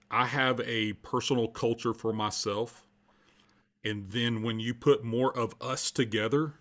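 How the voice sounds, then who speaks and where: Speaking with an American accent, this man in his fifties, who works as a culture coach and minister, responds to the podcast host in an earnest, conversational way and leans on repeated phrases for emphasis. His voice is mid-range and fairly bright.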